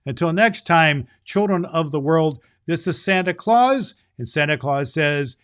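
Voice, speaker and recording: A man playing a jolly, kindly Santa Claus, hosting a children's show and reading stories in an expressive, folksy way. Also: on the high side, a little slow, clear, resonant tone. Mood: cheerful, warm.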